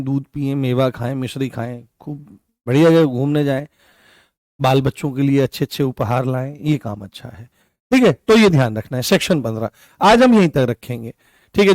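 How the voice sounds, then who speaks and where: A man's voice: medium pitch, a little mellow, no room sound. A man teaching an online exam-prep class, coughing, often turning key points into questions for his students. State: coughing, hoarse. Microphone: own mic.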